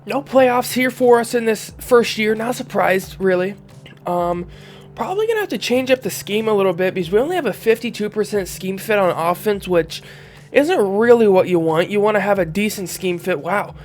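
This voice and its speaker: A man's voice: high voice, moderate pace, soft background music. Congested young man talking through game stats. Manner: relaxed, thinking aloud while reviewing stats. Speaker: gaming YouTuber. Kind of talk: casual game commentary.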